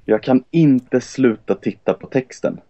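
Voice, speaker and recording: A man's voice: mid-range voice, animated, warm tone, dry recording, highs cut off. A man co-hosting a casual podcast who talks hesitantly, repeating words as he searches for them. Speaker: podcast co-host. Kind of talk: casual chat about film trailers.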